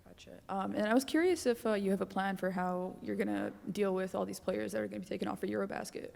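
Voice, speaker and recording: A woman's voice: medium pitch, fast talker, vocal fry, darkish tone. A woman sports reporter asking questions at a press conference in hesitant, conversational phrasing. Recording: echoey press room with long reverb.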